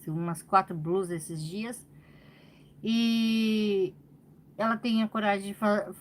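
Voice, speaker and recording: Brazilian woman crochet host, unhurried live chat, faint room noise behind her. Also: mid-range voice. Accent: Brazilian Portuguese. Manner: venting, repeats phrases, frequent "né?". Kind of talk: casual live-stream chat.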